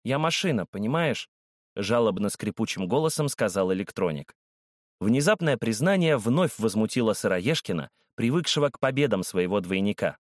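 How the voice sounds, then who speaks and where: Animated man reading a storybook aloud. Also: lowish voice, moderate pace, dry recording, studio quality. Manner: animated, does all the character voices. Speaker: narrator.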